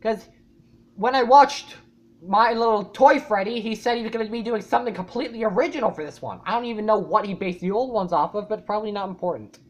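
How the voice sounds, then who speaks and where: A woman YouTuber giving casual reaction commentary, rambling and swearing often, with loud startled outbursts. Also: medium pitch, fast. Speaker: YouTuber reacting to a fan animation.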